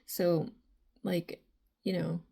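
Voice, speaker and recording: Slow, gravelly-voiced woman reading tarot. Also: fairly low pitch, flat delivery, warm tone. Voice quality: raspy. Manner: rambling, frequent filler phrases. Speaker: tarot reader.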